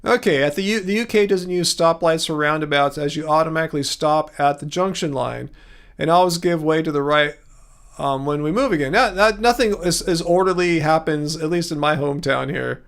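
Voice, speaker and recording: A livestream host chats casually from home, close on a studio mic, his voice slightly raised, gravelly, on the high side, fairly quick and fairly bright. He wanders easily through viewer comments, often restarting sentences and chuckling as he goes.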